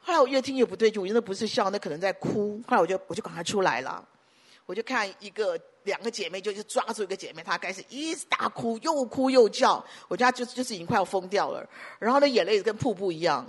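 A woman pastor preaching a sermon emphatically, piling up repeated phrases and breaking into sudden loud bursts. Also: mid-range voice, lively intonation, fast talker, husky.

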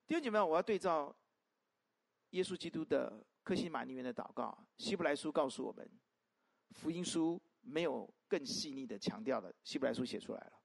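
A pastor preaching a sermon to a congregation, peppering it with rhetorical questions and swinging between loud emphatic calls and soft asides. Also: medium pitch, a little fast, vocal fry, husky. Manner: animated, constant rhetorical questions to the listeners.

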